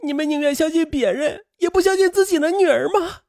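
A man's voice: very high voice, a little fast, darkish tone, dry recording, clean studio sound, voice pushed up. A man voicing a desperate young woman who screams and pleads hysterically in a told story.

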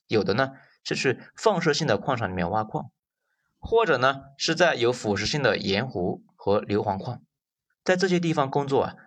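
Wry male commentator with lively pitch. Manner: wry, sarcastic, with many drawn-out filler particles. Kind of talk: casual storytelling commentary.

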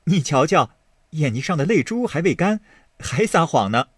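A man's voice: a little high, sing-song, normal speed, fairly bright tone, breathy edge, dry recording, clean studio sound, pitched above the performer's own voice, full character voice. A man playing a doting, impulsive young nobleman in an audiobook, speaking eagerly and pleadingly. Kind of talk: audiobook character voice.

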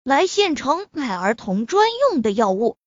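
A woman narrating a web novel aloud with expressive storytelling, with a slightly muffled lo-fi sound. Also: a little high, unhurried, no echo. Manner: expressive storytelling, acts out the characters.

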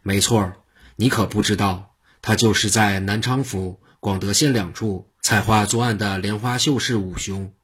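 A storyteller voicing an eccentric, mischievous wandering monk with a teasing, boastful manner. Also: male voice, on the low side, steady tone, normal speed, fairly bright tone, breathy edge.

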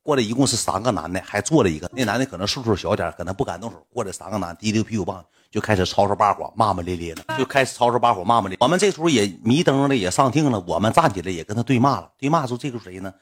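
Husky, lively young man with Northeastern Chinese accent. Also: lowish voice, rapid-fire, hardly any pauses. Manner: animated, acts out voices of people in the story. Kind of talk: casual spoken storytelling.

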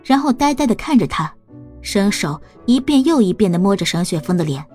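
A woman reads a storybook aloud, her voice steady and calm at a middle pitch. She keeps an even, unhurried narrating tone throughout. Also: breathy edge, soft background music. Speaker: audiobook narrator.

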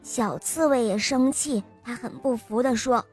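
A woman narrating a bedtime story for children in a gentle manner, speaking directly to the little listeners. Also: fairly high pitch, measured pace, slightly rough, faint music behind.

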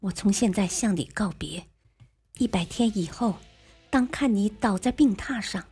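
A woman voicing a devoted young fox-spirit woman who scolds in a high, insistent voice. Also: unhurried, mellow, husky, faint music behind. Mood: reproachful.

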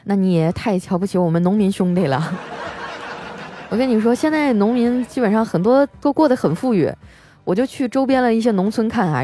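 A woman's voice: fairly high pitch, mellow. A woman radio host reading out listener jokes in a playful, teasing way and laughing often.

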